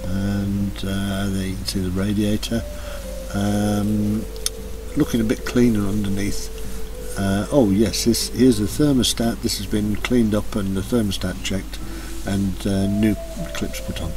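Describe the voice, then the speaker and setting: A man narrating a slideshow of his motorbike restoration in a relaxed, hesitant way, with frequent ums and uhs. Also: on the low side, unhurried. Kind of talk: casual voice-over commentary. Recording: voice-over with music playing behind.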